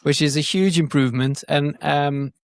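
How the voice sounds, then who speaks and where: This slightly high male voice has fairly even intonation and a normal speed, with a dry, clean studio recording. A digital growth marketer on a podcast, he explains things casually and repeats words as he thinks. He speaks broken Norwegian, not being a native speaker.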